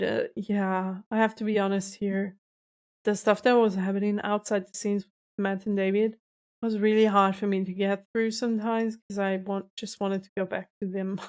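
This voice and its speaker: A young woman hosting a reaction video, gushing and rambling in casual fan commentary, often restarting her sentences. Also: mid-range voice.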